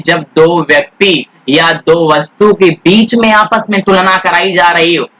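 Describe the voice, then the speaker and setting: A man teaching English grammar, speaking Hindi mixed with English words in an Indian accent. He asks questions and then answers them himself, and he draws out the English words slowly. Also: high voice, sharp tone, poor audio. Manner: addresses students as "beta", asks and answers his own questions. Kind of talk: classroom grammar lesson.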